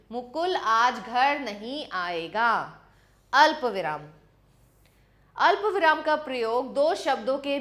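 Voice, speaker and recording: A woman with a fairly high voice gives a grammar lesson to schoolchildren. She explains each point patiently, step by step, and stops to put questions to the class. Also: a bit bright. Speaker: teacher.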